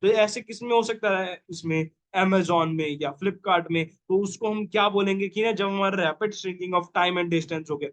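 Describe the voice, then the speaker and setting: High-pitched man drilling a revision lecture. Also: fairly bright tone. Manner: rapid call-and-response, asks "yes or no?" and answers himself. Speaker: teacher. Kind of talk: energetic exam revision lecture.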